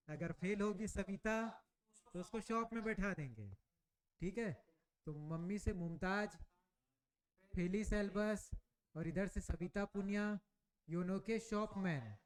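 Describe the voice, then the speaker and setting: Running an exam-prep class, a male teacher develops memory tricks and keeps checking in with the class through frequent questions. He speaks with a high, smooth voice.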